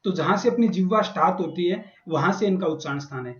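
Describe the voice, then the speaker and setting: Fast and a bit bright, his voice sitting high, a man gives a classroom lecture on Sanskrit grammar at a college, spelling out and repeating sounds with patience. The audio is dull and full of classroom echo.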